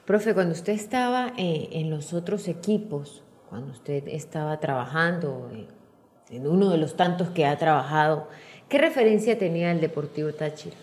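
A woman's voice: sits low, expressive, normal speed, a little mellow. A woman interviewing a coach, asking polite questions.

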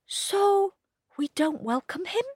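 A tiny, excitable little watchdog with a very high, squeaky, breathless voice. She rushes and repeats herself in a springy, animated sing-song. The storybook sound is close and dry. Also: no echo, heavily acted. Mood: anxious, excited. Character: small excitable young female watchdog.

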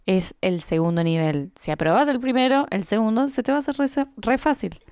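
Clear-voiced Argentine woman chiming in. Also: medium pitch, brisk, a little mellow, dry recording, clean studio sound. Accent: Argentine Spanish. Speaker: podcast co-host. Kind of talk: casual chat.

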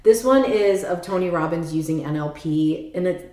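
A woman co-hosts a podcast in loose, casual chat, filling her sentences with "like" and laughing easily. Her voice sits low. The room around her is echoey. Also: normal speed, dark tone. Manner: chatty, says "like" a lot, laughs easily. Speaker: podcast co-host.

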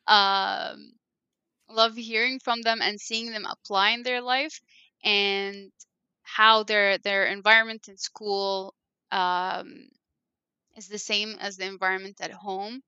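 An Egyptian parenting consultant whose first language is Egyptian Arabic, appearing as a guest in a casual interview, has a bright, crisp, mid-range voice. She speaks slowly and flatly, rambling through answers with restarted sentences and plenty of fillers. The recording is slightly muffled and lo-fi, dry and close with no echo.

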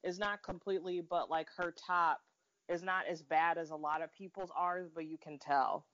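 A woman's voice: lowish voice, fairly even intonation, normal speed, a bit bright. A woman chatting casually as a podcast co-host, sounding tired and worn out, with a blunt, dry way of talking. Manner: weary, exhausted-sounding delivery. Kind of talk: casual chat. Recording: dull, lo-fi audio.

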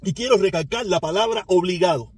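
A man's voice: high-pitched, a little fast, a little mellow, breathy edge. A man from Cuba with a Cuban accent, giving emphatic solo political commentary and often repeating or restarting words. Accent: Cuban Spanish. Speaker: political podcaster.

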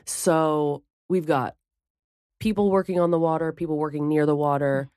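A woman with a very low, mellow voice chats in a relaxed podcast conversation. She tells lively stories full of vivid food details and laughs easily. Close, dry sound. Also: normal speed, smooth, no room sound. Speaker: guest, food writer.

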